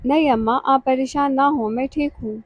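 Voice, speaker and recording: A woman reading the lines of a young daughter who answers in quiet, subdued replies, full of guilt. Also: high voice, dry recording, highs cut off.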